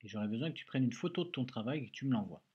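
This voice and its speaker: A man's voice: medium pitch, lively intonation, racing, husky, highs cut off. A male schoolteacher recording a handwriting lesson for a child, patiently talking through each pen stroke aloud with an encouraging manner. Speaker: primary school teacher.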